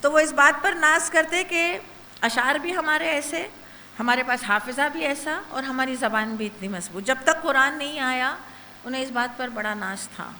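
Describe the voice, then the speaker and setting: A woman's voice: sits high, bright, forceful tone. A woman giving a religious lecture at a women's gathering, earnest and asking the listeners rhetorical questions. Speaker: zakira reciting at a women's majlis. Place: gathering hall. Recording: long hall reverb, faint noise.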